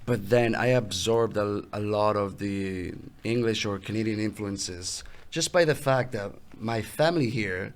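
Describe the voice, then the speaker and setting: A young Italian musician with an Italian accent chats casually as an interview guest. His voice sits lowish, and he's relaxed but halting, often restarting his phrases.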